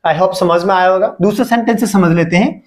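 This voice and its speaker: A man from India teaching English translation, saying each example slowly and repeating every phrase. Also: high-pitched. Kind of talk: Hindi-language English lesson.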